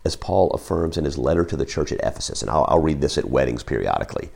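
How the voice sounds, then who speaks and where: Croaky low-voiced male preacher. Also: animated, fast talker, a little mellow. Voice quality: croaky, froggy voice. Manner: repeats words, reads excerpts aloud. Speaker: pastor. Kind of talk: sermon.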